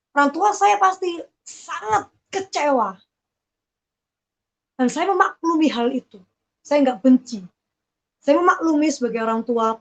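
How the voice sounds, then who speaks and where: A woman telling her personal faith testimony, slowly and emotionally, with many halting restarts. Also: fairly high pitch, lo-fi sound. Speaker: testimony speaker.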